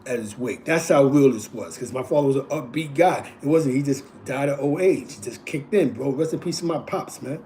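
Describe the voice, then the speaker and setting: A man's voice: medium pitch, a little fast, hardly any pauses, dark tone, a little hiss or hum. A man in his forties with a New York accent, telling neighborhood stories in a rambling, repetitive way and filling gaps with "you know what I'm saying". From East Harlem, New York. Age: 40s. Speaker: show host. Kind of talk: casual streetwise storytelling.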